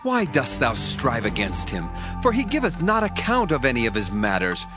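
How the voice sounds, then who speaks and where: Voicing the indignant and eager young Elihu, a man reads scripture dramatically and earnestly, his emphasis rising. His medium-pitched voice swings hugely in pitch at a normal speed, over a dry recording with faint underlying music.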